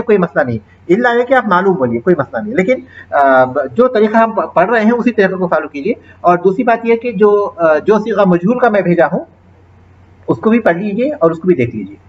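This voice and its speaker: A man's voice: high voice, muffled recording, a little hiss or hum. A man teaching an Arabic grammar class online, patiently explaining and reciting verb forms with their translations.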